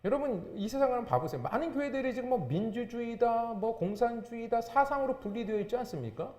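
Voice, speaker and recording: A man's voice: very high-pitched, animated, fast, a little mellow. A man, a pastor, preaching a sermon with emphatic, rising and falling delivery. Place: church sanctuary. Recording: echoey church hall.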